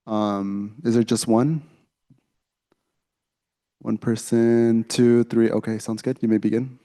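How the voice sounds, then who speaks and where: A man's voice: mid-range voice, flat delivery, slow, dark tone. Man chairing a student meeting.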